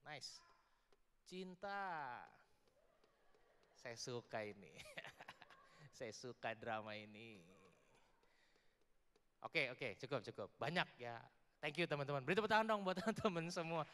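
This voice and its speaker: A man's voice: a little high, animated, normal speed, long pauses, a bit bright, smooth. A man giving a casual youth sermon, joking and quizzing the audience while mixing in English words. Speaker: youth preacher. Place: large church hall before a youth audience. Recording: long echoing hall reverb.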